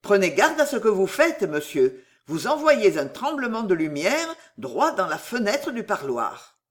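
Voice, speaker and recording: A woman reading aloud, voicing a brisk, shrewd young manservant who gives urgent, sharp warnings. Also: medium pitch, big pitch swings.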